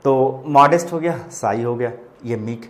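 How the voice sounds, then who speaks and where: A chatty man with a medium-pitched voice teaches vocabulary at a normal speed, explaining English words in Hindi to students. He's repetitive and addresses them as "beta" and "bachche."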